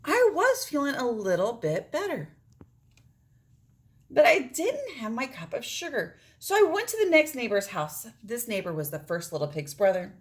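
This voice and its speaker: Woman reading as animated, self-justifying storybook wolf. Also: a little high, normal speed. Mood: matter-of-fact storytelling. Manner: conversational, theatrically emphatic, aggrieved. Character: chatty, self-justifying male wolf, wronged storybook narrator. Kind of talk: storybook read-aloud, first-person narration.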